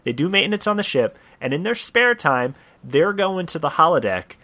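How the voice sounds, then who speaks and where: A man co-hosting a casual podcast, playfully pitching ideas and laughing along. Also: big pitch swings, normal speed, pushed and bright. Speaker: podcast co-host. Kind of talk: casual chat.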